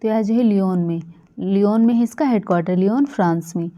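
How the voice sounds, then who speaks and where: The speaker is an Indian woman lecturing on current affairs for exams, frequently repeating facts and using fillers. Her medium-pitched voice is warm and brisk. It's a dull, lo-fi recording.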